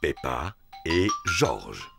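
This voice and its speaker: A man's voice: extremely low pitch, sing-song, extremely slow, vocal fry, over music, full character voice. An actor playing a jovial, kindly and slightly self-important father pig in a preschool cartoon dub.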